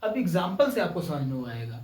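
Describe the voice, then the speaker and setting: A man, teaching a slow YouTube grammar lesson and often checking in with his students. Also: fairly high pitch, sing-song, darkish tone, echoey room, far from the mic, low-quality recording. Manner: slow, drawn-out explaining with frequent "ठीक है" checks. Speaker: English teacher.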